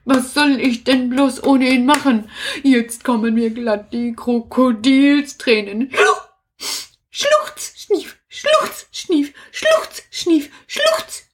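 A woman's voice: a little high, steady tone, slow pace. A woman voicing a lovesick, clingy female crocodile in a children's puppet show, doting and sobbing dramatically.

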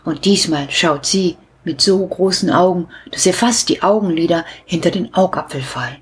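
A woman reading a children's story aloud in a lively, playful way. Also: lowish voice, moderate pace, breathy edge.

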